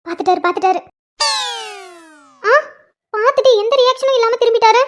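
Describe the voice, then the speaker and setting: A woman's voice: very high-pitched, a little fast. A woman voicing a chatty, teasing young woman in a cartoon. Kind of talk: cartoon voice acting. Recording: dull lo-fi sound.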